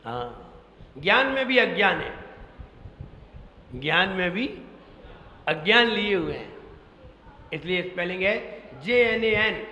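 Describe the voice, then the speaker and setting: High bright-voiced preacher, quizzes folks and spells stuff out, big echoey hall. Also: male voice, very animated, slow pace, pauses often, muffled recording. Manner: repeats and quizzes listeners, spells words letter by letter. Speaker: Jain monk preacher. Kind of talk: sermon teaching pronunciation. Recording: echoey hall with long reverb.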